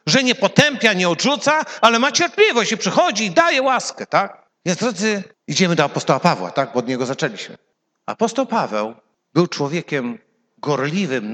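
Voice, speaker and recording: A middle-aged man preaching a sermon, swinging from loud emphatic lines to hushed ones. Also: sits high. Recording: long hall reverb.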